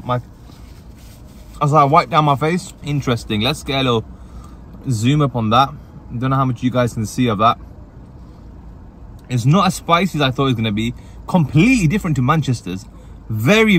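A man's voice: a little high, a bit bright. Man, food vlog host, chatty, munching on camera in a car, light road hum behind. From England. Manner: upbeat, chatty, talks while eating. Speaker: food reviewer and channel host. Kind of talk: casual food review vlog. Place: inside a parked car.

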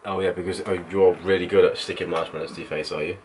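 A man's voice: deep voice, little pitch movement, fast, slight background noise. A man in his twenties joking around in casual, cheeky, sweary vlog banter. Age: 20s. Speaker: vlogger. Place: small room at home, indoors.

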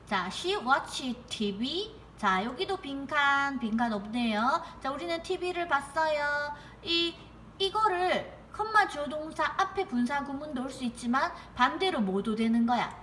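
A young woman teaches an English grammar lesson in a fairly high voice. She keeps asking her viewers questions and reads each example sentence slowly, with a faint hiss behind her. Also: a bit bright. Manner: coaxing, asks students rhetorical questions. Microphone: computer mic while writing with a mouse.

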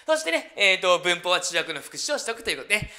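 Male cram-school English teacher, 30s, brisk and bright delivery, chatty and encouraging advice. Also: high-pitched, very animated. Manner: chatty and encouraging, frequent tag particles and fillers. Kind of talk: casual lecture-style study advice video.

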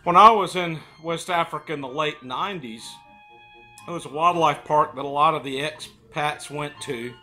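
A man's voice: fairly high pitch, normal speed, sharp tone, soft background music, rough recording. A man in his fifties telling stories casually to camera, often with a pipe held in his mouth as he talks. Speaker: storyteller. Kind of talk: casual storytelling monologue to camera. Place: living room, indoors.

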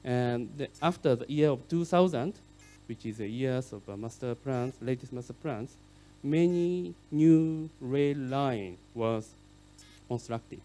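A middle-aged man whose first language is Japanese gives a conference keynote lecture in English, speaking haltingly with many fillers. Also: mid-range voice, mellow, faint music behind. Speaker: keynote speaker on urban rail.

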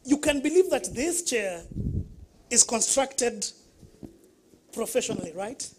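A woman's voice: on the high side, a little slow, slight background noise. A woman pastor with a Kenyan accent preaching a sermon in church, telling stories and putting questions to the congregation. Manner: lively storytelling, questions to the congregation.

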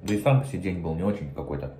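A man's voice: low-pitched, expressive, racing, mellow, slight background noise. A man chatting casually while eating, talking through a mouthful of food in a rambling way. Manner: rambling, chatty, stumbles over words. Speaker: mukbang vlogger. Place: indoors at a table, eating. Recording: echoey room, faint dish clatter.

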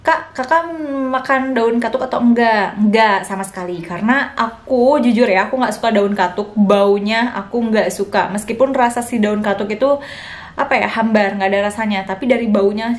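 A woman's voice: medium pitch, a little fast. A young woman, chatting frankly to her viewers as a vlogger and new mother, and acting out what others said to her in a raised voice. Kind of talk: casual chat to viewers.

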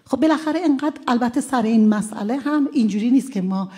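A woman defense lawyer from Iran recounts courtroom events for a press conference. Her voice sits a little high but sounds mellow and warm. She talks conversationally, often pausing on hesitant fillers as she goes. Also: animated.

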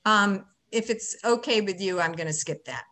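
A woman's voice: medium pitch, normal speed, bright, forceful tone. A woman in her sixties, a beekeeper giving a webinar presentation over a video call from home, chatty and folksy, with many ums. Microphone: laptop webcam mic on a video call.

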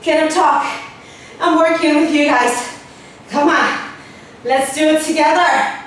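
A woman's voice: high voice, steady tone, slow, fairly bright tone, slight background noise. A woman fitness instructor coaching a workout with short encouraging cues, out of breath as she exercises along. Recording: roomy, from far off.

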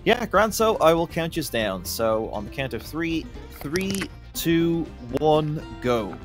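A man's voice: fairly high pitch, very animated, takes it slowly. A man with an Irish accent, giving casual commentary as host of a video game race. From Ireland. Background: video game music.

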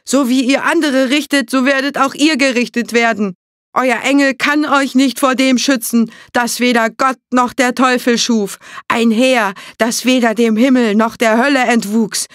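A man voicing a possessed young female automaton who screams warnings in a shrill voice. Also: steady tone, moderate pace, a bit bright, clean tone, dry recording, clean studio sound. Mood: shrieking warning. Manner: ranting prophecy, repeated warnings. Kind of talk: audiobook character voice.

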